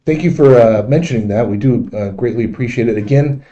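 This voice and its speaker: A man hosting a casual, unscripted livestream, speaking in a halting, repetitive way, recorded in dull, muffled audio. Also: mid-range voice, warm tone. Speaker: livestream host.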